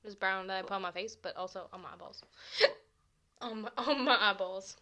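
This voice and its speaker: A woman's voice: medium pitch, moderate pace, bright, forceful tone. A woman in her twenties co-hosting a podcast, chatting casually with lots of "like" and laughs. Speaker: podcast co-host. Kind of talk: casual chat.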